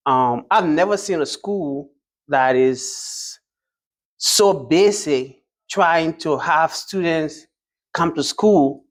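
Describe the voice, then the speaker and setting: A man's voice: a little high, slow. A man from Liberia answering interview questions as a truck driving school graduate, hesitant, with many fillers and restarts.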